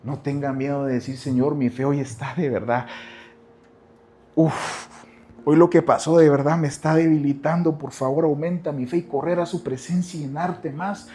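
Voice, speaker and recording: A male pastor gives a sermon at normal speed in a steady tone. He talks right to the congregation, repeats phrases, and dips into soft low asides before rising into loud cries.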